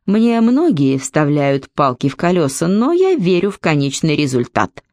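A woman's voice: low voice, big pitch swings, normal speed, darkish tone, no room sound. A woman reading a story aloud, voicing an earnest, naive young man who defends his ideals.

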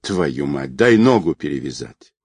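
A man doing a hoarse, beaten criminal. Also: rumbling low, big pitch swings, unhurried, a little mellow, no room sound, pitched below the performer's own voice, heavily acted. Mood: groaning, hostile. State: hoarse, groaning. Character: beaten, hoarse middle-aged male criminal, hostile.

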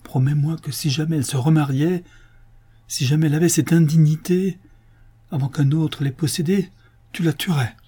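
Man playing dying officer, jealous, urgent, raised pitch, dark tone. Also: normal speed, husky, natural voice. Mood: fierce. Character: dying young naval officer, fierce and jealous.

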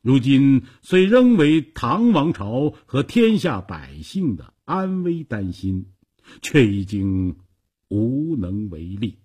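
Male storyteller, dramatic radio narration, slow and deliberate, husky voice. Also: medium pitch, very animated, darkish tone.

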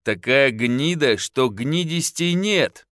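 A man's voice: medium pitch, lively intonation, slow pace, a bit bright, no room sound, studio quality. A man voicing a tearful, shrewish peasant wife who wails and scolds. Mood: furious. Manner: wailing, scolding.

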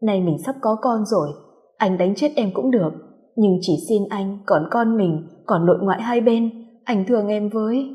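A woman's voice: medium pitch, normal speed, warm tone, dull audio, natural voice. Woman voicing a meek, pleading young wife. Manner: weak, faltering pleading. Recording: long hall reverb.

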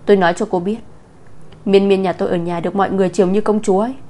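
A woman's voice: medium pitch, steady tone, rapid-fire, warm tone, close to an everyday voice. A woman reading a story aloud, voicing an angry, rude mother who scolds and accuses. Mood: indignant.

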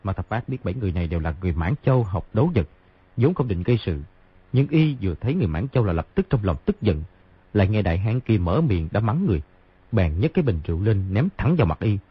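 A man narrating a martial-arts novel in an expressive, brisk storytelling way. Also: lowish voice, slightly rough. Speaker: audiobook narrator. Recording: tinny phone-like sound.

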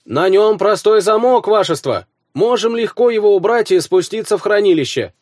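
A man's voice: sits high, expressive, normal speed, darkish tone, no room sound, studio quality, pitched above the performer's own voice. Man doing a dutiful young soldier. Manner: deferential report. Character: young male soldier reporting to superior, dutiful.

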